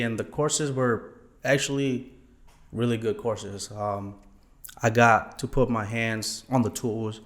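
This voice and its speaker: A young man from Thailand answering interview questions politely, often saying yes sir and um. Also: medium pitch. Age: young adult. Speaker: guest, former college student.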